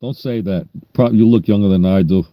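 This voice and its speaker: A man's voice: on the low side, brisk, no room sound, lo-fi sound. A man, chatting bluntly and rambling on a livestream. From New York. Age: 60s. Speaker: livestream host. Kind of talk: casual livestream chat.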